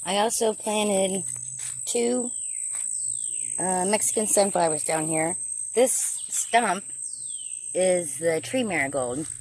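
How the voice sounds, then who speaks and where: A woman's voice: fairly low pitch, takes it slowly, long pauses, darkish tone. Chatty woman working in her garden. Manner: chatty, thinking aloud while working. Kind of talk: casual garden vlog narration. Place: outdoors in a rural garden.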